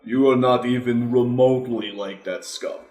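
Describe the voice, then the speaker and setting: A man playing a proud, stern half-orc warrior in a tabletop game, speaking formally, deliberately and with emphasis. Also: fairly low pitch, darkish tone, lightly acted. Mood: indignant scorn. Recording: roomy echo, music behind.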